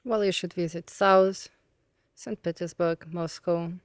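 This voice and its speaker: A woman's voice: lowish voice, steady tone, unhurried, clear, resonant tone, no room sound. A woman from southern Russia with a Russian accent, a podcast guest giving short, dry, blunt answers in casual chat.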